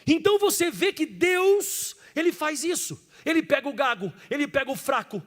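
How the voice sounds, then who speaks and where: A man from Brazil, a pastor preaching an animated sermon, acting out stories and quizzing the congregation. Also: extremely high pitch, normal speed. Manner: animated storytelling, acts out characters, asks the crowd questions. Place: church. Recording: reverberant church hall.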